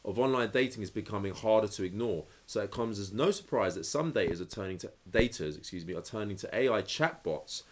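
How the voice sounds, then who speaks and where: A man's voice: fairly low pitch, lively intonation, a little fast, hardly any pauses. A man co-hosting a podcast, speaking bluntly and swearing freely, at times reading from an article. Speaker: podcast co-host. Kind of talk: casual chat, reading from an article.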